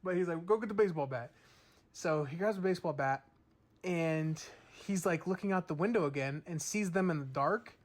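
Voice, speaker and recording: A man's voice: a little high, moderate pace. A young man co-hosting a podcast, telling a story in a loose, casual way, swearing freely and acting out what people said. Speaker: podcast co-host. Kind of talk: casual chat.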